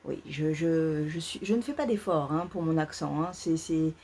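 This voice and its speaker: Une femme qui anime un vlog de tricot sur un ton décontracté, en hésitant beaucoup, avec de nombreux « euh ». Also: female voice, deep voice, moderate pace, a little mellow, breathy edge. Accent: French. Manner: hesitant, many fillers and restarts. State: feeling too warm. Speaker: knitting podcast host. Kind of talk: casual knitting vlog chat. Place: parents' home, indoors.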